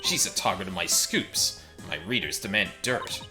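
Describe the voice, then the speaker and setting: Man doing a gravelly, gruff, scheming tabloid reporter. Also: deep voice, big pitch swings, moderate pace, over music. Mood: smug, scheming. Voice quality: gravelly, throat-straining Solid Snake-style rasp. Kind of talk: comic fan read-through of a video game.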